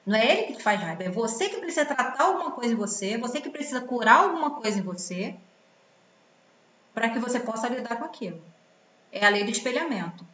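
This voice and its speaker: A woman's voice: a little high, quick pace. A woman giving relationship advice in a commented reading, full of rhetorical questions and acted-out quotes. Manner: expressive, rhetorical questions, acts out quoted voices. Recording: roomy, slightly dull sound with faint background noise.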